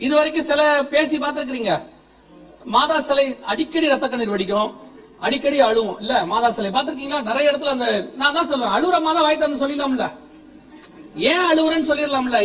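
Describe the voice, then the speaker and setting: Man, Tamil accent, preacher, very high voice, laughing and questioning, echoey hall, off-mic. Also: fast talker, recorded from a distance. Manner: lively, questioning the congregation, frequent laughter. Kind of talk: sermon.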